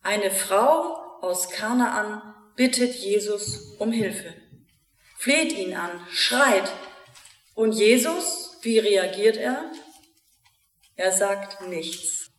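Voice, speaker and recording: A woman pastor preaching a sermon in a slow, measured way, asking rhetorical questions. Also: mid-range voice, lively intonation. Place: church. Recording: echoey church from far off.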